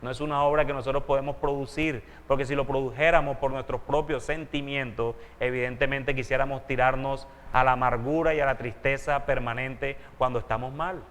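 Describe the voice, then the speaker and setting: A man's voice: mid-range voice, steady tone, brisk, hardly any pauses, fairly bright tone, long reverb tail. A man, a pastor, teaching a sermon earnestly and asking his listeners rhetorical questions.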